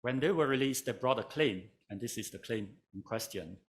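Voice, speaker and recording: A man from Malaysia, giving a measured conference talk as a panel speaker, told like a story with touches of dry humor. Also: medium pitch, animated. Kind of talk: conference lecture.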